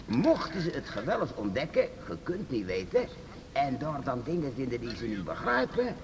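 This medium-pitched man voices a secretive old master inventor, a calm, fatherly master craftsman, for a radio play. His tone is reassuring and measured, with lively intonation. A little hiss or hum is present in the recording.

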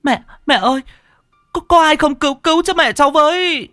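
A man voicing a panicked little girl screaming for help in a high, shrill voice. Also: brisk, pushed and bright, no echo, studio quality, soft background music.

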